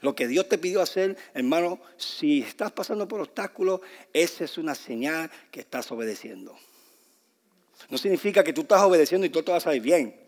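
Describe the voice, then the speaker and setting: A man from Rico, preaching a fervent sermon that swings between soft asides and loud bursts, with English fillers mixed in. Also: fairly high pitch, lively intonation, a little fast. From Puerto Rico. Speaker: pastor. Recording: long hall reverb.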